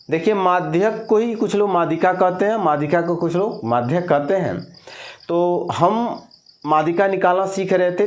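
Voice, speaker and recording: A man's voice: high-pitched, muffled recording. A man teaching a math lesson, asking questions and answering them himself, repeating the numbers as he works through a problem.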